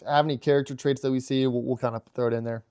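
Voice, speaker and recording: A man's voice: mid-range voice, steady tone, racing, a little mellow, clean tone. A man co-hosting a podcast outdoors by a campfire, chatting casually and rambling with lots of restarts. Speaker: podcast co-host. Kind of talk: casual chat.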